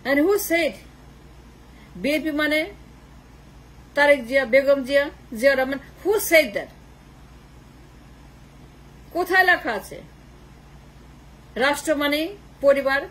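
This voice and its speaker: A woman delivers a fierce political monologue in a high voice. She repeats her points again and again for emphasis, sliding between Bengali and English. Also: slow pace, pauses often, fairly bright tone, low-quality recording. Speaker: political commentator.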